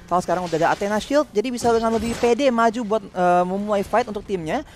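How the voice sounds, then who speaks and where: A man's voice: sits high, fast talker, soft background music. A man with an Indonesian accent giving live game commentary and analysis in a conversational way, following the play step by step. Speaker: esports shoutcaster.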